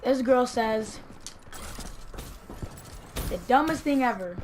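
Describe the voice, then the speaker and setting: Animated young storyteller, higher voice. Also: female voice, takes it slowly, a little hiss or hum. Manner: animated, acts out quotes. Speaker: vlogger. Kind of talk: casual storytelling.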